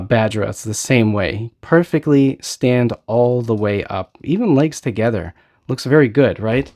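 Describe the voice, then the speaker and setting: A man's voice: mid-range voice, a little mellow. A man hosting a casual toy unboxing review, talking with enthusiasm, rambling a little and often asking "right?" as he goes.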